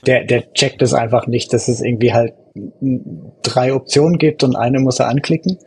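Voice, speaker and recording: A man's voice: mid-range voice, steady tone, normal speed, slightly rough. A man talking casually on a tech podcast, loose and colloquial with frequent hedges. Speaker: podcast guest.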